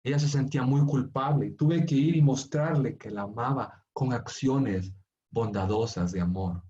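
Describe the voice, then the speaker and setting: Earnest Bolivian pastor preaching. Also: male voice, mid-range voice, normal speed, lo-fi sound. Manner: earnest, swings from hushed tender storytelling to emphatic pleading. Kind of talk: sermon.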